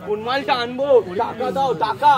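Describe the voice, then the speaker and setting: High-voiced scheming young man, played by a male actor. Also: steady tone, brisk. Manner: theatrical, declaiming monologues. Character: scheming young man who profits from family quarrels. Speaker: stage actor. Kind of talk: amateur stage play acting. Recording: loud crowd noise.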